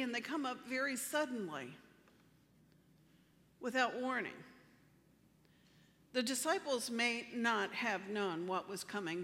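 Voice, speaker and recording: A woman preaching a sermon in a slow, deliberate way, leaning hard on key words. Her voice is bright and ringing. It carries a long reverb from the church hall she speaks in. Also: a little high. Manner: measured, emphatic preaching with slow deliberate phrasing. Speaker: pastor.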